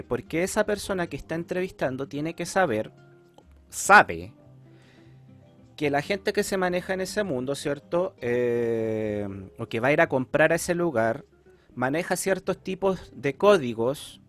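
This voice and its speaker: Chilean man teaching, higher-pitched voice. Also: animated, a little slow, fairly bright tone, soft background music. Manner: explanatory, checks in often with "¿ya?" and "¿cierto?". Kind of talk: online class lecture.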